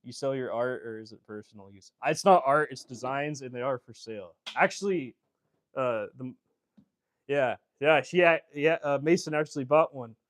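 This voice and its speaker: A man's voice: medium pitch, normal speed, dry recording. A man chatting casually on a livestream, rambling with many fillers and answering viewer comments. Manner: rambling, lots of fillers and restarts. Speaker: fashion designer streamer.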